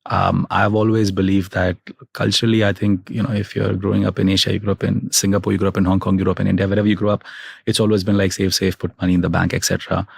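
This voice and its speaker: A man's voice: deep voice, little pitch movement, fast talker, gravelly, husky, dry recording. A man as an interview guest, giving thoughtful conversational answers and often tagging "right?" and "you know". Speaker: guest, fintech executive.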